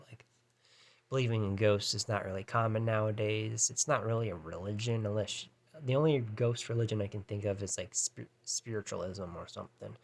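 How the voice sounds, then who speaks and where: A man's voice: fairly low pitch, vocal fry. A man in his thirties talking to camera in a rambling, hesitant way, full of fillers and restarts. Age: 30s. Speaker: vlogger. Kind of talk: casual rambling monologue.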